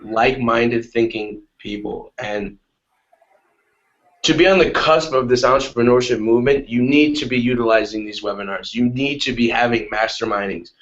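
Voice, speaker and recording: A man in a casual motivational talk on a webinar call, energetic and repetitive, often asking "right?". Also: mid-range voice, moderate pace. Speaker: guest on a webinar. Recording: dull lo-fi webinar audio.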